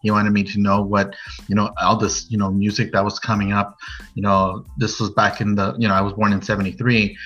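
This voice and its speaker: Fairly quick and completely flat in delivery, a lowish, somewhat bright voice belongs to an American man in his late forties from Norwalk, California. As a podcast guest he tells his personal story in a loose, rambling way, peppered with "you know." It's recorded muffled and lo-fi over music.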